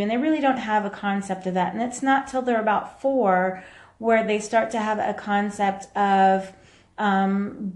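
A woman's voice: medium pitch, darkish tone. A woman hosting a casual live video as a mom coach, chatting with viewers and reacting to their comments, recorded in an echoey room. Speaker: podcast host and mom coach.

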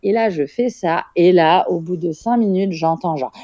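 A woman's voice: fairly low pitch, normal speed, mellow, no room sound, highs cut off. A young woman, a mother, telling a story frankly and vividly in a casual interview, swearing now and then. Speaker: guest, mother.

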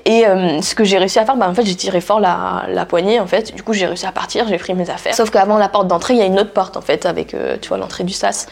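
A young woman giving a personal testimony in a casual, halting way, with many fillers and restarts. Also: mid-range voice, expressive, vocal fry. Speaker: interviewee telling her story.

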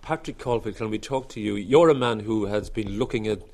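A man's voice: fairly low pitch, a little fast, darkish tone. A man working as an interviewer, putting questions to guests in a broadcast style.

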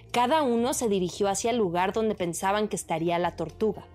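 A woman narrating a children's fable in a lively, expressive storytelling manner. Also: medium pitch.

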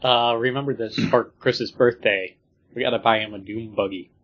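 A man's voice: mid-range voice, steady tone, moderate pace. A man with an upstate New York accent from Buffalo, chatting casually as a podcast co-host in a wry, bantering way. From Buffalo, New York, United States. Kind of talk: casual joking chat. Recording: slightly dull, lo-fi sound.

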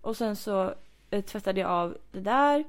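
A young woman telling a story in casual chat, frank and animated, acting out quotes. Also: mid-range voice.

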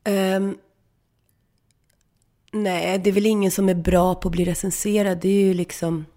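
A woman author in a relaxed interview, spinning a long anecdote. She talks casually, full of fillers, and slips into the voices of the people in her story. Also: medium pitch. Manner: lively storyteller who acts out quoted dialogue, frequent fillers. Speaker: author guest.

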